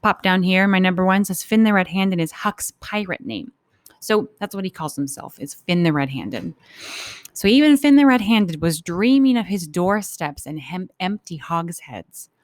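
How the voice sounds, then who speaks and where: In a dry recording, a woman with a voice on the low side reads a children's story at a moderate pace, expressive throughout. She's a teacher who explains things informally and acts out the characters' thoughts.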